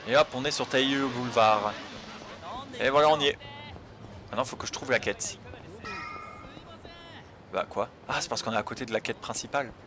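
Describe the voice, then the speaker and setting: This let's play host talks to himself as he games, mumbling a casual running commentary broken by frequent hesitations and pauses. His voice is medium-pitched and a bit bright at a moderate pace, with slight background noise.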